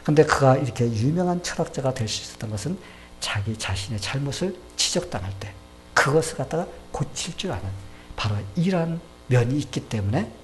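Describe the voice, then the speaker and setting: Korean male pastor telling a sermon story. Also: mid-range voice. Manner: storytelling with rhetorical questions to the congregation.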